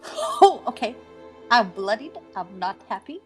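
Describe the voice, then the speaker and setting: Lively, expressive woman player. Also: on the high side, measured pace, faint music behind. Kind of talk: casual play chatter.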